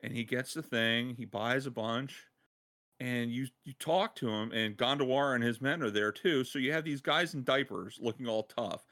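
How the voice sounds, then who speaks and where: A man hosting a podcast, excitedly retelling a game side quest in casual chat and laughing as he goes. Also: mid-range voice, moderate pace. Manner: excited, laughing storyteller who acts out quotes. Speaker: podcast host.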